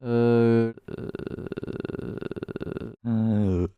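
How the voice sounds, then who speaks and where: A man's voice: medium pitch, steady tone, extremely slow, smooth, dry recording, narrow, tinny audio. A man streaming a game in goofy live chatter, breaking into nonsense sing-song syllables, yelps and shrieks. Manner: loud shrieks and squeals. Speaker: gaming streamer.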